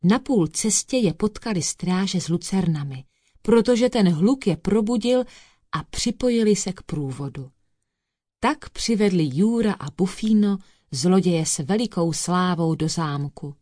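A woman's voice: on the low side, animated, warm tone, no echo, studio quality. A woman reading a fairy tale aloud, speaking to her listeners as children. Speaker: storyteller.

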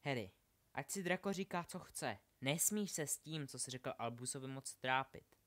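A man's voice: medium pitch, animated, fairly bright tone, natural voice. A man voicing a grown woman, a witch who coaxes and then scolds insistently, in a home audiobook reading. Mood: coaxing.

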